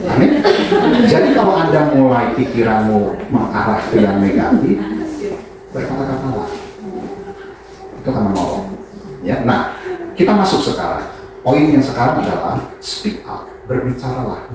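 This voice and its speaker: A male pastor preaching a sermon in an animated, joking way, sometimes acting out the voices of the people he quotes. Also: medium pitch, normal speed, pauses often, recorded from a distance. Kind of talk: sermon with anecdotes. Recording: echoey room, voice from afar, audible background noise.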